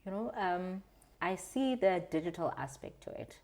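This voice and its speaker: A South African woman with a low-pitched voice answers interview questions conversationally. She speaks in an earnest, expressive way, with the accent of her home country. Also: normal speed. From South Africa, Transkei. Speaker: interview guest, video creator.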